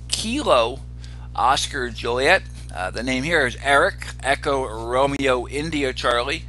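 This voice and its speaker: A man casually hosting a ham radio net as its control operator, with a halting delivery full of pauses. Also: on the high side, bright, forceful tone. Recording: noticeable hum and background noise.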